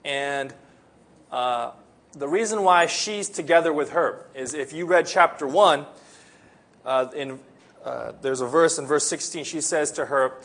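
In an American accent shaped by his upbringing in the States, this Philippine-born pastor gives a sincere sermon, slowing for emphasis on key lines. His voice runs a little high and carries a fairly bright tone.

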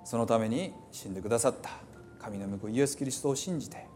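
A pastor leading a slow, reverent spoken prayer in a soft voice. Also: male voice, mid-range voice, a little hiss or hum.

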